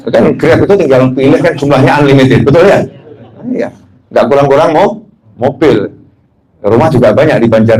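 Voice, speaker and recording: A man's voice: mid-range voice, a little mellow, rough recording. A man preaching as a habib, telling anecdotes, joking and asking the audience questions. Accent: Indonesian. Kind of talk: religious talk.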